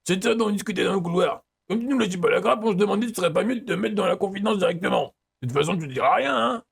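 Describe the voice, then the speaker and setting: A man voicing a brash, teasing teenage boy in a dating game, with a lively, somewhat raised voice. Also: high-pitched, racing, creaky, husky, voice pushed up, exaggerated voice. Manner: cocky, teasing.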